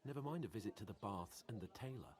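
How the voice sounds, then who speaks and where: A man's voice: on the low side, animated, quick pace, crowd noise, close to an everyday voice. An actor playing a brash young nobleman who talks with biting sarcasm. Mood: sarcastic. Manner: sarcastic, exclamatory. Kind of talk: game voice acting.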